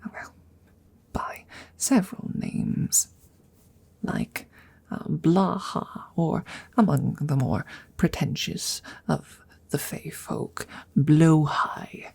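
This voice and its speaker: In an ASMR fantasy roleplay, a woman plays a polite, quirky female dragon, murmuring in a soft, breathy whisper with halting, formal, coaxing phrasing. Her voice is deep and exaggerated, and she sounds proud and full of wonder.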